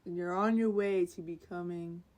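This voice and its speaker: A woman's voice: on the low side, steady tone, measured pace, a little mellow. A young woman co-hosting a podcast, chatting casually and teasing her partner with short dry remarks. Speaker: podcast co-host. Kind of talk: casual chat.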